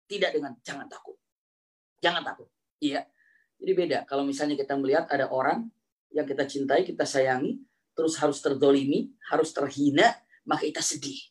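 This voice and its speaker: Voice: mid-range voice, fairly quick. Preacher, storytelling sermon, lots of repeats and rhetorical questions. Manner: animated, repeats key phrases, asks rhetorical questions.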